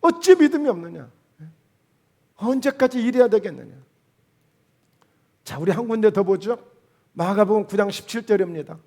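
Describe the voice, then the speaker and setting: A man's voice: high voice, normal speed, long pauses, warm tone. A man with a Jeolla Korean accent preaching a sermon as pastor, emphatic, with rhetorical questions and quoted dialogue. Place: church sanctuary.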